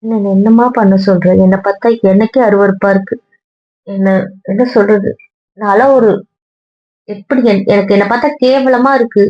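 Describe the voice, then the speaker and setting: A woman argues with her partner in a hurt, tired, lecturing tone, at a middle pitch. The recording sounds dull and lo-fi. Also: steady tone, normal speed, long pauses. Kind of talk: couple's argument vlog.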